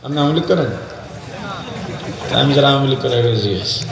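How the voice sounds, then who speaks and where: A man's voice: fast, vocal fry, very noisy. A man preaching at an open-air gathering, scolding the crowd and chanting emotionally in a sing-song way. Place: outdoor field gathering. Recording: booming echoey PA outdoors.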